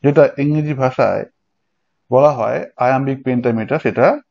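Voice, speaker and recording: A man's voice: medium pitch, normal speed, creaky, slight background noise. A male teacher giving a recorded lecture, explaining step by step and checking in with students. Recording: dull lo-fi sound.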